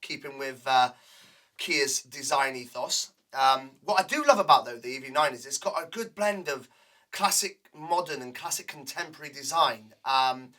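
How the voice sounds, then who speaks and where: A man co-hosts a casual studio chat show in a chatty, rambling way, full of fillers. His voice is bright and sits at a middling pitch. He is set a little back from the microphone. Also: moderate pace, far from the mic. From England. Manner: chatty, rambling with lots of "you know". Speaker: co-host.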